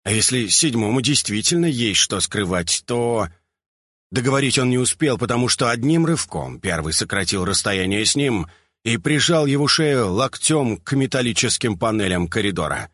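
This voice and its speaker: Expressive, husky-voiced male audiobook narrator. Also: medium pitch, normal speed, dry recording, studio quality. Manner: expressive storytelling.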